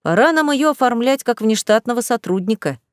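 A woman's voice: fairly high pitch, lively intonation, a little fast, dry recording, studio quality, voice pushed up, lightly acted. A woman reading a jovial young male detective with an easygoing, chummy manner, in a storybook reading.

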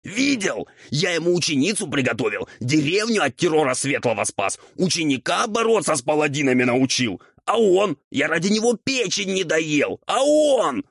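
Man putting on a husky, squabbling old ghoul. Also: mid-range voice, sing-song, a bit bright, no echo, clean studio sound, voice pushed up, full character voice. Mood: indignant. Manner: quick, indignant squabbling. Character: old bickering male ghoul mentor, sly and whiny. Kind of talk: audiobook character voice.

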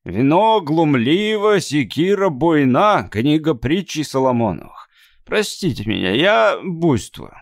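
A man's voice: fairly high pitch, big pitch swings, measured pace, no echo, studio quality, pitched above the performer's own voice. A man playing a tipsy flippant inventor. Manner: grumbling, mocking.

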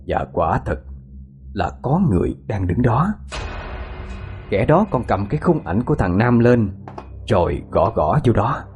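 A man's voice: lowish voice, very animated, measured pace, pauses often, narrow, tinny audio, soft background music. A man narrating a ghost story in a dramatic, suspenseful way.

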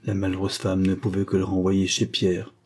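A man reading a classic novel aloud as an audiobook narrator, steady and measured. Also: sits low, breathy edge. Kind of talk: scripted literary narration.

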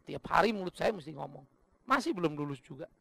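A middle-aged Indonesian man preaching a sermon, swinging from loud emphatic bursts to low, confiding asides. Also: lively intonation, fast, vocal fry. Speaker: pastor.

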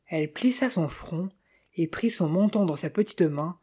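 Mellow, husky woman narrating a novel. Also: fairly low pitch, lively intonation. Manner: measured literary reading. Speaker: audiobook narrator. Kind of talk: scripted narration.

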